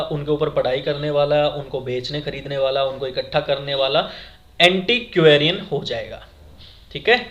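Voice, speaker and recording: This exam-prep English teacher's voice is a little high with a fairly bright tone. He explains exam vocabulary in a classroom lesson, treating viewers as friends while asking questions and repeating the answers.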